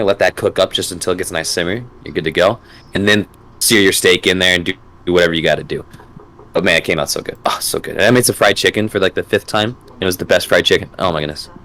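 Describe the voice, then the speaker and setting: Low-voiced hoarse man chatting. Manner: relaxed, enthusiastic about food. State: hoarse, voice recovering from illness. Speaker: co-host. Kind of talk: casual stream chat.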